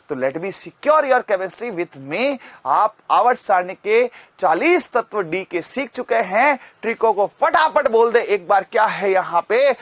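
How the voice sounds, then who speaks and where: A man teaching chemistry in an energetic, motivational way, often repeating phrases and slowing down to drill memory tricks. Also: sits high, dry recording. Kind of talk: energetic classroom lesson with mnemonic story.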